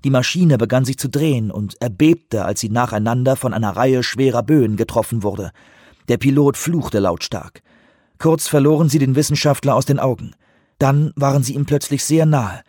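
Husky male audiobook narrator. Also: medium pitch, brisk, warm tone, no room sound, clean studio sound. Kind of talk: scripted narration.

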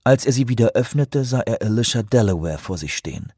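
A man reading a novel aloud in a steady, measured narration. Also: mid-range voice, husky, no room sound, clean studio sound. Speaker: audiobook narrator.

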